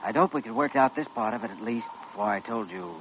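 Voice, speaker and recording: Low-pitched, gravelly Doctor Kildare. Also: male voice, big pitch swings. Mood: sober. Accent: American. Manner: terse, measured, direct. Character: calm, authoritative hospital doctor, probing but fair. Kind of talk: old-time American radio drama acting. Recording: dull, noisy old radio recording.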